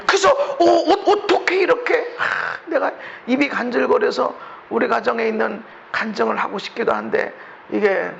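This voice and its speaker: A male pastor preaching a dramatic sermon in a church, swinging from hushed murmurs to shouts. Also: extremely high pitch, creaky. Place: church sanctuary. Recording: dull, faintly noisy church recording.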